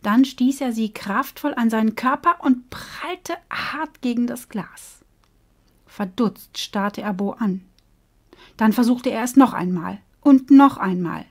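Woman storyteller, calm and measured, reads a fable for children and grown-ups. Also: a little high. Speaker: coach and storyteller. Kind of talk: storybook reading for children and adults.

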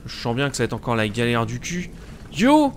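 A man streaming a live game, joking crudely and bursting into excited outbursts as he plays. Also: medium pitch, quick pace, a little hiss or hum. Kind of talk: live gaming commentary.

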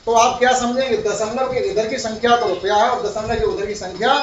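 High-voiced male teacher, echoey classroom. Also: fairly even intonation, brisk. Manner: asks pupils questions and repeats answers. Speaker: primary school teacher. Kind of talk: classroom lesson. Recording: roomy, far-off, dull, slightly noisy.

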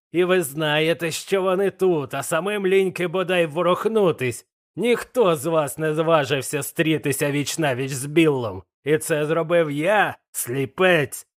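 A man voicing a furious blind old male pirate who shouts curses at his gang in a slow, emphatic way. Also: mid-range voice, close to an everyday voice.

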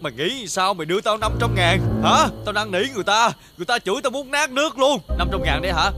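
A man's voice: sits high, animated. A young man with a Southern Vietnamese accent, acting an exasperated older brother who scolds and nags in a TV comedy series. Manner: exasperated scolding, rapid nagging. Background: music.

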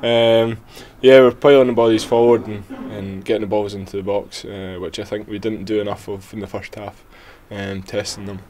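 Hesitant young footballer, low voice. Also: male voice, level tone, normal speed, few pauses, a little mellow, a little hiss or hum. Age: 20s. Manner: hesitant, many ums and restarts. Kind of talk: post-match interview. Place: small indoor press area before sponsor board.

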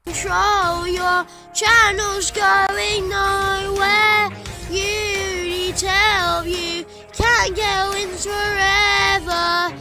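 A woman's voice: very high-pitched, little pitch movement, drawn-out words, full character voice. A woman voicing a cocky young rapper character in a fan rap battle, rapping in a taunting, sing-song way over a beat. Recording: vocal buried under loud music.

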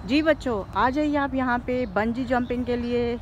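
A woman's voice: fairly high pitch, moderate pace, dull audio, slight background noise. A middle-aged woman vlogging outdoors in a park, chatty and cheerful, filming herself on a handheld phone camera and switching between English and Hindi. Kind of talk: casual vlog chat.

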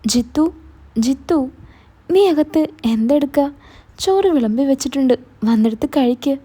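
A woman's voice: high voice, expressive, normal speed, mellow, voice pushed up. A woman voicing a troubled middle-aged mother in a spoken story, with a pleading, weary manner.

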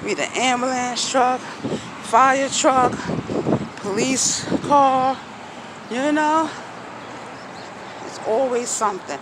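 Slow-talking New woman vlogging on noisy streets. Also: high-pitched. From New York City. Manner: rambling, thinking aloud, repeating phrases. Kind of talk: casual walking vlog chat. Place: outdoors, walking along busy city streets. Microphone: phone at arm's length. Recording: noisy outdoor city street recording. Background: traffic and street noise.

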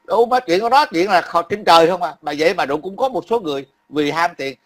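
A man with a high, sharp-pitched voice. He rants with angry, profane heat and circles back to the same phrases again and again. Under the fury there is a worn-out, grumbling weariness. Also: expressive, quick pace. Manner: angry, profane, repetitive ranting. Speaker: livestream commentator. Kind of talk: heated political rant.

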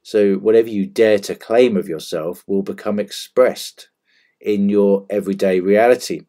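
A man giving an earnest, measured spiritual teaching, repeating key phrases for emphasis. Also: fairly low pitch, steady tone, dark tone. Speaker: channel presenter.

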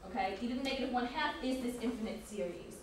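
A woman's voice: fairly high pitch, fast. A woman teaching a college calculus class, explaining step by step and saying "okay" often. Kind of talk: classroom lecture. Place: lecture classroom. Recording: echoey room, distant mic, noise.

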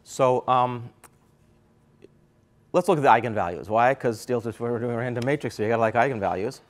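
A man's voice: medium pitch, brisk. A middle-aged man giving a keynote lecture in a lecture hall, talking in a loose, conversational way with frequent fillers. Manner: conversational, thinks aloud with fillers. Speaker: keynote speaker. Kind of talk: academic lecture.

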